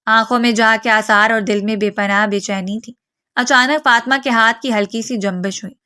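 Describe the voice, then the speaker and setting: A woman narrating a romance novel in a calm, even storytelling voice. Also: a little high, no echo, clean studio sound.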